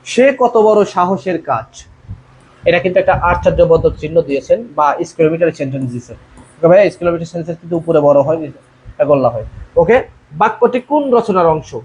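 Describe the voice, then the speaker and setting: A man's voice: fairly high pitch, very fast, a little mellow. A male admission tutor leading a live online class, reading out students' answers from the comments and asking the group to reply. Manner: calls students "bhaiya", reads out viewers' comment answers. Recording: dull lo-fi sound with faint noise.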